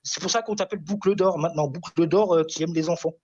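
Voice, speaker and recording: A man's voice: a little high, quick pace, darkish tone, dull audio, a little hiss or hum. A man in a heated online argument, taunting and mocking, repeating the same jabs over and over on a video call.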